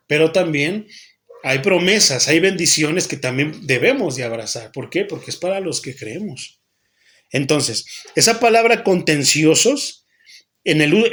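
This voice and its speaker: A man's voice: fairly high pitch, fairly bright tone. A Mexican pastor preaching an earnest sermon to his church, asking himself questions and answering them, often repeating and restarting phrases.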